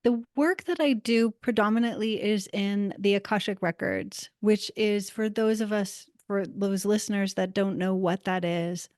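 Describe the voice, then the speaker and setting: A woman's voice: mid-range voice, no echo, studio quality. A woman guest on an interview, talking casually and reflectively about her spiritual work, telling stories with lots of "like.". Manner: reflective, animated storytelling with frequent "like". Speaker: guest, Akashic Records practitioner.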